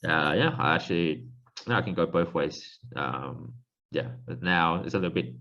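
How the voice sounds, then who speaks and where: A man from Hong Kong hosting a casual interview, asking halting questions and giving brief backchannels. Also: deep voice, sharp tone, muffled recording. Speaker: podcast host.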